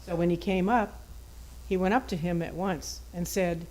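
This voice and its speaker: A woman's voice: fairly low pitch, steady tone, normal speed, a little mellow, slight background noise, poor audio. A woman reading a gospel passage formally as a church reader. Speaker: scripture reader at a Good Friday service.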